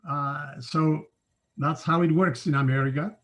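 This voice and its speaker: A man in his seventies from Cyprus, giving an informal online talk from his home study over a video call, unhurried and conversational with frequent filler pauses. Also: fairly high pitch, fairly even intonation, fairly bright tone. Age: 70s. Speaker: guest scientist speaker. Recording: dull lo-fi video call audio.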